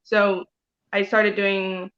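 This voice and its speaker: A woman from Taiwan in her thirties chats as a guest, rambling loosely and filling her talk with "like" and "you know". Her voice sits at an ordinary middle pitch. The online call audio is dull and lo-fi. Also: little pitch movement, very slow, fairly bright tone. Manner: chatty and rambling, heavy use of "like" and "you know". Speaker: guest comic artist. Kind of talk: casual interview chat.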